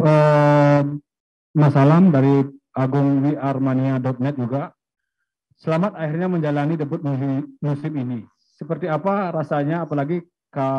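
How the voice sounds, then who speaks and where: A man moderating a football press conference, politely introducing speakers and reading out reporters' questions. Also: fairly high pitch. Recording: dull lo-fi sound.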